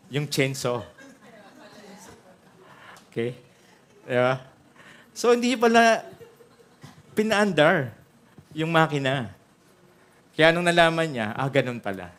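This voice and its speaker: Filipino guy preaching, flips between tagalog and english, keeps asking "okay?". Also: mid-range voice. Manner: frequent "okay?" check-ins to the congregation; tells an anecdote, acting out the characters' lines. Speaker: pastor. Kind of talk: sermon.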